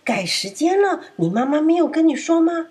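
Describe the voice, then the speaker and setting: A woman's voice: sits high, lively intonation, normal speed, pitched above the performer's own voice. A woman voicing a sly, greedy male wolf in a children's story, with a wheedling, gloating manner. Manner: wheedling, fake-surprised, gloating.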